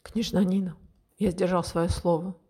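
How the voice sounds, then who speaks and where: A woman voicing a bold, defiant young mountain outlaw who speaks slowly and firmly. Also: lowish voice, husky. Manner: slow, firm and calm.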